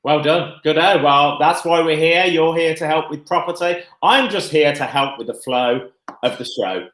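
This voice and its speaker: A man's voice: on the high side, moderate pace, fairly bright tone. A man hosting a show, chatting casually with his guests. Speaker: show host. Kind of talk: casual chat. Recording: roomy echo.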